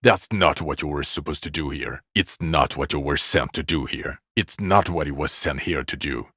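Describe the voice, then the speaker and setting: This is a full character voice of a bitter, sardonic video game police detective, scornful, profane and exasperated. His voice is extremely low, husky, forceful and sharp-edged, delivered at normal speed in a dry recording with no room sound or echo.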